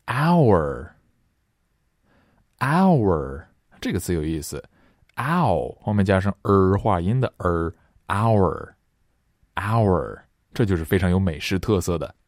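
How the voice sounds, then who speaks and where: Deep-voiced man drilling pronunciation slowly. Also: dry recording, clean studio sound. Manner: models each word slowly and repeats it twice; switches between explaining and drilling words aloud. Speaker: English pronunciation teacher. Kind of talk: recorded pronunciation lesson.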